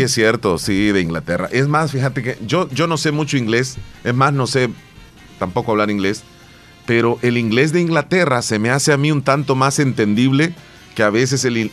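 A man's voice: medium pitch, a bit bright. Guy cohosting a chat show, rambles, says the same word over and over, faint music under him. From El Salvador. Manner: rambling, repeats words and restarts. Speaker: podcast co-host. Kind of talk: casual radio-style chat.

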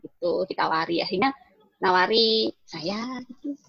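A woman's voice: mid-range voice, expressive, moderate pace, creaky, fairly bright tone, slightly rough, no echo, lo-fi sound. A woman in her twenties from East Java, a teacher chatting in an interview and telling her story. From Malang, East Java. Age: 20s. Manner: chatty storyteller, mimics her own past thoughts. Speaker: guest, vocational school teacher. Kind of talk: casual interview.

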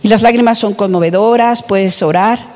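A woman's voice: medium pitch, normal speed, a little mellow, in a large hall. A woman preaching a sermon, emphatic, with rhetorical questions to the congregation.

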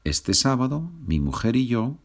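A man's voice: mid-range voice, big pitch swings, measured pace. A man teaching a Spanish grammar lesson, speaking patiently, repeating each example and checking in with the learner. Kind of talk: slow, clear grammar lesson.

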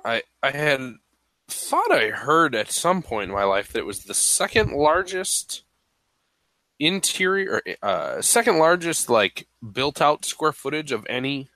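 A man's voice: on the high side, sing-song, unhurried, bright, forceful tone, dry recording. A man with a stuffy voice hosting a podcast in a playful, casual, chatty way. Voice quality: stuffy, congested-sounding. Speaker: podcast host. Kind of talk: casual chat.

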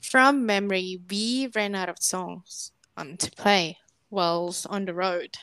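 A woman in her early thirties co-hosts a casual podcast and tells her stories in an easygoing, chatty way. Her voice sits at a middle pitch and sounds dry and close, with no room around it. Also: fairly even intonation, takes it slowly, fairly bright tone, no room sound. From Indonesia. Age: early 30s. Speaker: podcast co-host.

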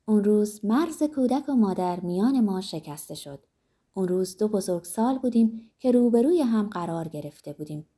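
Female story narrator, calm and subdued, mellow tone. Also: mid-range voice, husky. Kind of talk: storytelling reading.

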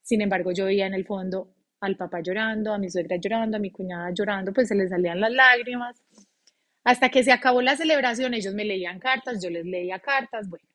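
A woman's voice: medium pitch, fairly quick, a bit bright. A woman, a podcast guest candidly recounting an emotional personal story.

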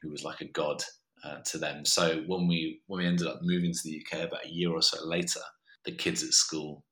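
Male, modern Southern English accent, bright forceful edge on a very deep voice, measured personal storytelling. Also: little pitch movement. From Australia. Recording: roomy, echoey sound.

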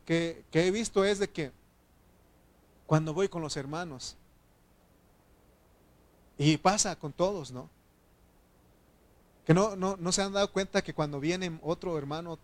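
A man preaching, his voice pitched a little high. He keeps turning to the congregation, calling them brother and putting questions to them. His delivery is fervent and pastoral. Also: measured pace, long pauses. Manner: fervent, repeatedly addresses listeners as brother. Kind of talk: sermon.

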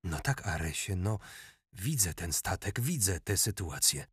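A man voicing an enthusiastic, excitable male courtier who talks in an animated, questioning way, with a husky voice. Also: sits low, measured pace, dry recording, studio quality, exaggerated voice. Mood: eager.

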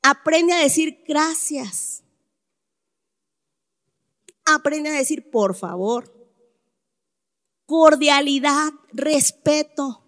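A woman's voice: high-pitched, extremely slow, pauses often, fairly bright tone. A woman speaking to a live audience, stretching key words out for emphasis and asking frequent rhetorical questions. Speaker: speaker addressing a church or group audience. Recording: echoey hall.

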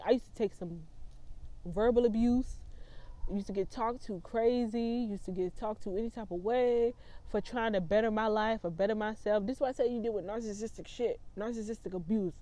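A young woman in her twenties telling her own story to the camera in a vlog. She talks bluntly and emphatically, cursing freely, with a mellow, warm tone at an ordinary pitch. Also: a little fast. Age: 20s. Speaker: vlogger.

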